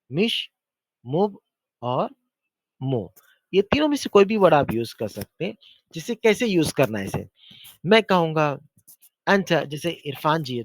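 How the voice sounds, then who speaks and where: A man teaching a beginner Arabic class over a video call, patiently repeating words slowly for his students. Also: on the high side, no echo. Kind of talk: online beginner language lesson.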